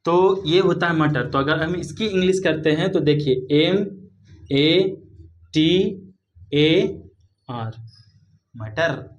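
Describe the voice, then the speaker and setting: Male teacher, Hindi accent, patient and drawn out, slightly high voice, spelling lesson. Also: slow, long pauses, muffled recording. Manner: spells words letter by letter, drawn out; explains patiently, repeating words. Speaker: English teacher.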